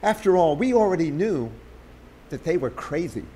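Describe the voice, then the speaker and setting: A man reading the lines of a gruff, skeptical young American man in an audiobook. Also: on the high side, very animated, normal speed, mellow. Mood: musing. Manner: gruff, dry.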